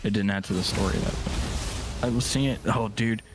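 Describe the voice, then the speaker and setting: Profane, excitable young man streaming. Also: on the low side, brisk. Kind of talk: casual gaming chat. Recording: music playing behind.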